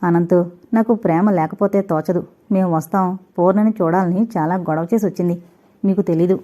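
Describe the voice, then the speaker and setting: A woman voicing a kindly middle-aged husband, speaking a little lower and warmly. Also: steady tone, fairly quick, close to an everyday voice. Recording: tinny, phone-like recording.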